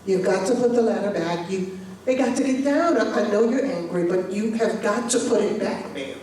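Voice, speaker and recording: A woman's voice: medium pitch, normal speed, dark tone, close to an everyday voice. A woman actor playing a nervous worker pleading and placating. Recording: echoey stage from a distant mic with faint noise.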